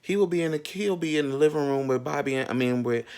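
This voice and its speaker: Talking fast in a slightly mellow voice on the high side, a thirty-something man tells a personal story. The storytime chat is casual and animated, with sass, slang, candor and plenty of asides.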